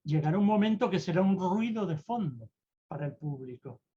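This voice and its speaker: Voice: medium pitch, lively intonation, dark tone, slight background noise. A mentor gives a talk on public speaking over a video call. The delivery is theatrical and moves freely between tones and speeds. The audio is slightly dull and lo-fi. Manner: theatrical, deliberately varies tone and pace. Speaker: presentation-skills mentor.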